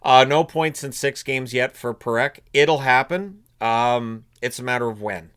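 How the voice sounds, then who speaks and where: A hockey commentary channel host with a cold sounds a bit sniffly as he thinks aloud in casual solo commentary, full of fillers and restarts. His mid-range voice is unhurried, fairly bright, clear and resonant.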